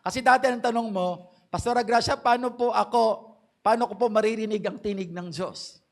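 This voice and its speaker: Middle-aged pastor, man, high-pitched, earnest and polite sermon delivery. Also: creaky. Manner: slows to stress key English phrases, mixes Tagalog and English. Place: church.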